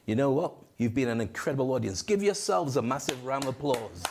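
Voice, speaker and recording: Brisk and husky, a medium-pitched male voice belongs to an event host and speaking coach presenting energetically on a conference stage. He jokes around, stays animated and rallies the audience through a handheld mic.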